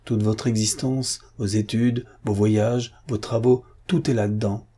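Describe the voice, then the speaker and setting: A man's voice: on the low side, fairly even intonation, measured pace, mellow, husky. A man voicing an old man who explains things steadily and insistently in an audiobook.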